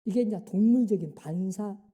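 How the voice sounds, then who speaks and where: A woman pastor preaching a sermon, driving her points home with rhetorical questions and quick interjections to the congregation. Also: medium pitch, dark tone. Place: church sanctuary. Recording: long hall reverb in a church.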